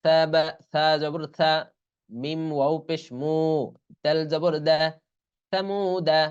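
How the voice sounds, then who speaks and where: A man's voice: on the high side, steady tone, clean tone, muffled recording. A man teaching an online Quran reading lesson. He spells out letters and vowels one by one, then draws out each whole word. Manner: slow, deliberate letter-by-letter spelling, then drawing out whole words. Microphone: online class recording.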